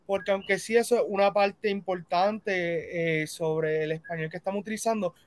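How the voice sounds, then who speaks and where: An interview host asking questions and sharing views in a relaxed chat, thinking aloud with fillers and switching into English. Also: medium pitch, moderate pace.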